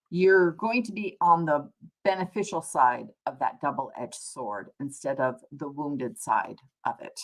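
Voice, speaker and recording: The audio is poor, but the woman's lowish, slightly bright voice comes through. She's hosting a laid-back live tarot reading, speaking thoughtfully and conversationally to viewers and reframing what she says.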